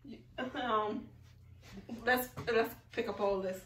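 A young woman in casual, playful banter, giggly and prone to loud exclamations, recorded at home on a camera a few metres away. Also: mid-range voice, fairly even intonation, slow. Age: young adult. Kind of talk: casual playful banter during a challenge video. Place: home room, indoors. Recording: roomy, far from mic, faint noise and clicks.

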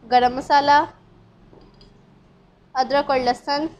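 A woman with a Pakistani Urdu accent hosting a cooking channel, narrating a recipe step by step in a calm, instructive way and addressing viewers directly. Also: high-pitched, takes it slowly. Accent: Urdu-speaking Pakistani. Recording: dull lo-fi sound, faint room ambience.

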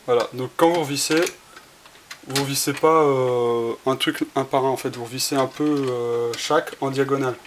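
A man of ordinary pitch walks through a repair in a casual how-to demonstration, his speech full of fillers and restarts as he works with his hands. He is recorded on a camera mic at home, with a faint hiss running underneath. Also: steady tone, moderate pace. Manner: hesitant, many fillers and restarts while working with his hands. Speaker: tutorial presenter.

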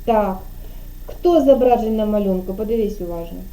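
This kindergarten teacher speaks briskly in a mid-range, dark-toned voice. Teaching a child speech online through a video call, she patiently draws out syllables and prompts the child.

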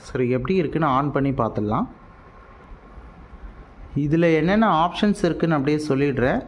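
In this unboxing vlog, a product reviewer with a Tamil Nadu accent talks casually at a medium pitch, sprinkling English words into his explanations. The audio sounds dull, and there is a noticeable, steady hum of background noise.

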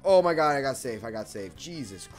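A young man commentating on his gameplay as a hyped gamer bro, excitable and slangy, often repeating short phrases. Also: mid-range voice, fairly quick, soft background music. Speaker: gaming video host.

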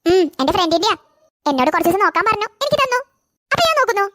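Performer as defiant cartoon girl, very high and quick. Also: big pitch swings, pushed and bright, no room sound, studio quality, heavily acted. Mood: coaxing. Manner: defiant, pleading. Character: stubborn teenage girl with a new puppy. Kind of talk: cartoon voice acting.

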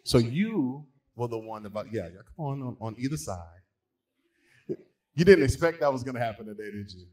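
A man's voice: medium pitch, lively intonation, normal speed. A man, a pastor, leading a church brunch and inviting families up to share gifts of love. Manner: warm, encouraging, calls people up. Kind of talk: hosting a church brunch presentation.

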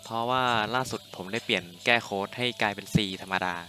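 A young man casually walking through a programming tutorial, talking loosely with lots of fillers and quick self-corrections. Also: lowish voice, sharp tone, soft background music. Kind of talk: casual screen-recorded coding tutorial.

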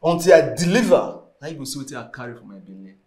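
An actor playing a playful, cheeky Nigerian waiter in a film drama, recorded in an echoey room. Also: male voice, medium pitch, big pitch swings, quick pace, a little mellow, close to an everyday voice. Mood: cheeky boasting. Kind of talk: film drama dialogue in Pidgin.

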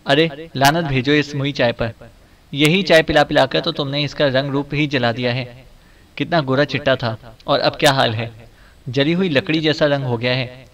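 A loud, shrill old mother who scolds everyone around her and holds fast to her superstitions, as a male narrator puts her on in an audiobook. Her voice rises sharply and hits hard, pushed well above the reader's usual level. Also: lightly acted. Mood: angry scolding.

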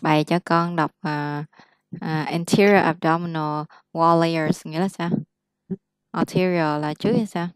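Woman teacher going over english words slowly, patient, fairly low voice, dry sound. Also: steady tone, clean tone, no echo. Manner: patiently corrects pronunciation and explains words. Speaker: English tutor. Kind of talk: one-on-one English lesson.

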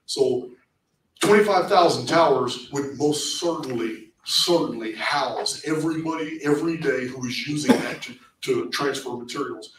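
A middle-aged man giving a casual talk to a small meetup in a meeting room, animated and restarting his phrases often. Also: mid-range voice, normal speed, slight background noise. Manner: animated, repeats words, many restarts. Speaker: presenter at a meetup. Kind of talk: casual lecture to a small audience. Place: meeting room with projector screen. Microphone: far camera at back of room. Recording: echoey room from far off.

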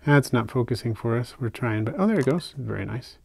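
At a table indoors, hands in frame, an older isopod keeper unboxes his purchases for a casual hobby vlog. His medium-pitched voice is brisk, creaky and husky, recorded dry and close with no room sound, and he's relaxed and chatty with fillers and soft asides.

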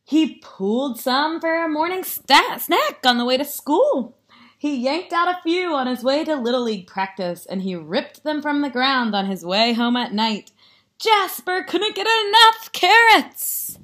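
A woman reading a picture book aloud, telling it dramatically with hushed, spooky drops. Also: high-pitched, expressive, normal speed. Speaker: story reader.

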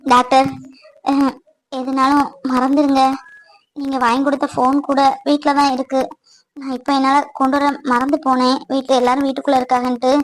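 A woman's voice: high-pitched, natural voice, low-quality recording. A woman voicing a caring married young woman who earnestly reassures and advises a friend.

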